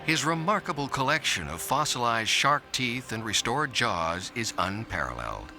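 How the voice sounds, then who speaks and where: A man reading scripted narration for a nature documentary. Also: medium pitch. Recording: narration over music bed. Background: music.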